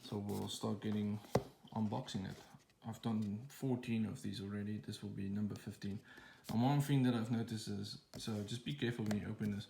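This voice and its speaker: A man's voice: on the low side, steady tone, a little fast, gravelly, noisy background. A man casually talking through an unboxing at home, rambling with fillers and restarts as he films on a phone held in one hand. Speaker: tech channel host.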